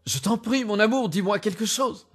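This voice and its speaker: A man's voice: high voice, moderate pace, fairly bright tone, husky, soft background music, pitched above the performer's own voice. A man voicing a frantic wife who pleads with her husband in an anxious, raised voice in a spoken story. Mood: pleading.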